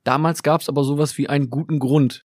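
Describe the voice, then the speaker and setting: A man's voice: a little high, fairly even intonation, a little fast, a little mellow, no room sound, studio quality. A man hosting a casual interview and asking his guest teasing, joking questions. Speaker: talk show host.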